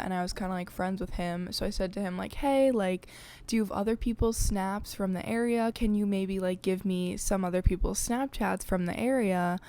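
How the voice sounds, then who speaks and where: A young woman with a medium-pitched, slightly mellow voice hosts her own podcast, speaking into a desk podcast mic. She chats casually and confidingly, using lots of filler words.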